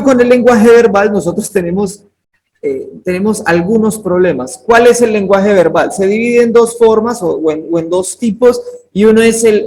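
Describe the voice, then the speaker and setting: Man with a high voice teaching a Bible class over a video call, chatty, calls on students by name. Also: a little mellow, poor audio. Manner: conversational, questions students by name. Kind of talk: interactive online class lecture.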